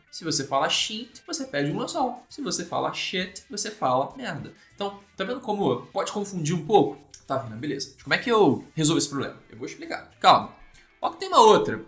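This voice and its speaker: A man with a Brazilian accent teaching English at a whiteboard in an energetic video lesson, talking in a lively, animated way. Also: sits high. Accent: Brazilian Portuguese. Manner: lively, animated, voices mock student questions. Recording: echoey room with faint music.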